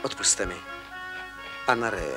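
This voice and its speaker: An actor playing a lovestruck, fussy middle-aged village constable in an old film. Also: male voice, on the low side, animated, over music, close to an everyday voice. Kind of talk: 1950s film acting.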